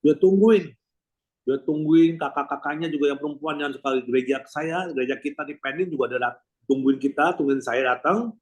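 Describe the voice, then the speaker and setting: A man's voice: fairly high pitch, a little fast. A male preacher, telling a personal story in a sermon, acting out phone calls and turning often to his listeners. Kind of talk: sermon testimony.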